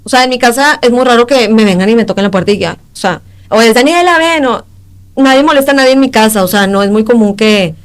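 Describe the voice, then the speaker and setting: A young woman with a Mexican accent, a podcast guest giving an emotional personal testimony in halting speech, acting out the exchanges she recalls. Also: medium pitch. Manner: emotional, halting retelling that acts out quoted exchanges.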